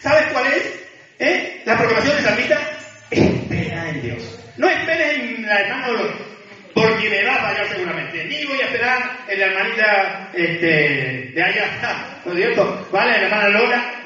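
High-voiced preacher in an echoey hall. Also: male voice, sharp tone. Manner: chatty, checks in with tag questions and light laughs. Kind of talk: conversational sermon. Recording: echoey hall from far off, dull sound.

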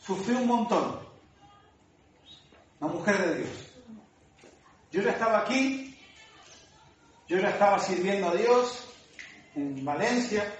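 A man with an Argentine Spanish accent, a pastor telling a personal testimony in a sermon, voice sinking soft at the tender parts. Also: high voice, slight background noise. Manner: emotional storytelling, voice dropping soft at tender moments. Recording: echoey hall, voice from far off.

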